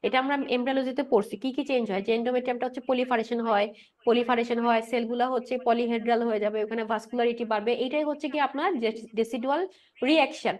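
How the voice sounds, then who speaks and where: A high-pitched woman lecturer races through a pharmacology class. She keeps asking the room questions, then answers them herself and repeats each point with a quick "right?". English drug and anatomy terms run all through her talk. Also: steady tone. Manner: mixes English medical terms into her speech. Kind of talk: explanatory lecture with quiz questions.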